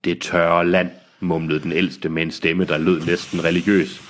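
A man's voice: low-pitched, flat delivery, a bit bright, slight background noise. A man reading a novel aloud on a podcast, breaking off to joke and laugh about the text. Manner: laughing, mocking the text as he reads. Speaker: reader of a novel on a comedy podcast. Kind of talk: reading aloud with joking asides.

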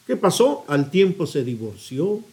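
Animated, high-voiced male preacher. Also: unhurried. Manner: expressive, storytelling, appeals directly to listeners. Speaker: priest.

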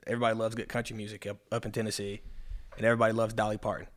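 A man's voice: lowish voice, little pitch movement, very fast. Laid-back young Southern man. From Georgia, US. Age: young adult. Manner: laid-back, short answers. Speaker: guest, former college football player. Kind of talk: casual interview chat.

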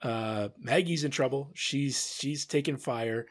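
A man hosting a relaxed podcast chat, talking at an ordinary middle pitch. He recaps an episode, drops playful asides and laughs often along the way. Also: takes it slowly. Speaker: podcast host.

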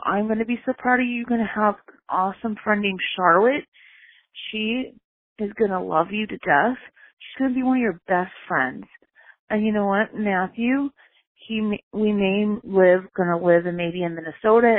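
A woman's voice: medium pitch, dry recording. A woman leaving a heartfelt voicemail for a friend's baby, heard over a phone line, gushing and repeating her praise with frequent restarts. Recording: tinny phone line, dry.

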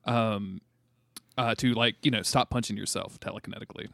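A tired man co-hosting a casual comic book podcast, talking in a halting, rambling, sweary way. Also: fairly low pitch, fairly even intonation, gravelly, a bit bright. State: tired from very little sleep. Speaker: podcast co-host.

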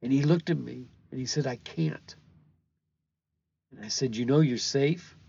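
An older man with a gravelly, husky voice tells a personal story in a halting, earnest way, often doubling back on his words. His pitch sits in the middle of the usual range for a man, and the slightly dull, lo-fi recording takes some brightness off his voice.

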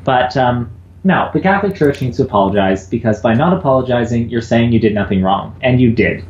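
A man's voice: mid-range voice, lively intonation, fairly quick, a little mellow. Man on a bad video-call connection. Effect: bad call connection, dull lo-fi audio. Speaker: podcast co-host. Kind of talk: casual chat over a video call. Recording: lo-fi roomy video call audio with faint background noise.

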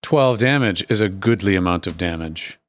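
A man's voice: deep voice, lively intonation, moderate pace, a little hiss or hum. A man in his forties from Milwaukee with an American accent, running a tabletop game as host and game master in a rambling, sweary, casual way. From Milwaukee, USA.

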